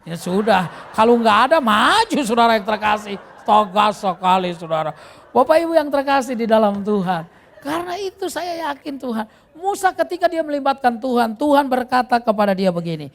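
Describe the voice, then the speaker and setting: A male pastor preaching an animated sermon in a church, breaking into bursts of shouting. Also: very high voice, a little fast, creaky.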